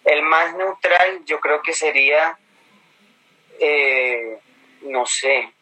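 A man's voice: on the high side, fairly even intonation, drawn-out words, sharp tone, low-quality recording. A man from Colombia with a fairly neutral coastal Colombian accent touched by inland speech, telling his experiences casually as an interview guest. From Colombia, Caribbean coast. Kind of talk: casual conversational storytelling.

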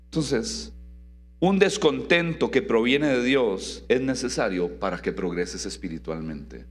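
A man preaching a sermon to a young congregation. He is animated and teasing, and calls on listeners by name. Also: mid-range voice, a little slow.

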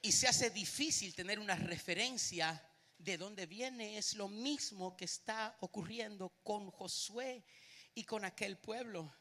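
Bright-voiced preacher man in a hall. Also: high voice, unhurried. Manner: animated, asks the crowd questions. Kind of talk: live sermon to a congregation.

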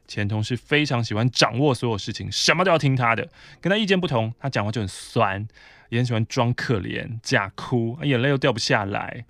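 A Taiwanese man hosting a podcast reads a listener's letter aloud in a conversational way, dropping in brief asides. His voice is medium-pitched for a man and a bit bright, and the recording is dry and close with no room sound.

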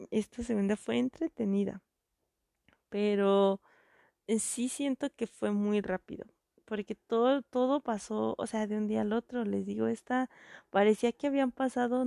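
A woman with a Mexican accent, giving an animated, indignant casual monologue as a podcast host, with lots of fillers. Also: on the high side, creaky, no echo, studio quality. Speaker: podcast host reviewing a film.

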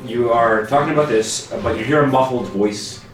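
A man's voice: medium pitch, brisk, very echoey, recorded from a distance, soft background music. A man narrating a tabletop game as game master in a casual way with many fillers.

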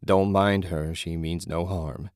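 A male narrator voices a calm, grim blind man guiding strangers through tunnels. He speaks slowly in a deep, matter-of-fact voice, and the recording is dry and close.

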